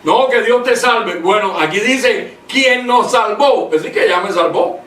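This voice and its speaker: High-pitched male preacher, emphatic, reads verses slowly; distant mic in a roomy space. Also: a bit bright. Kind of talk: preaching in conversation. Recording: echoey room, mic at a distance, faint noise.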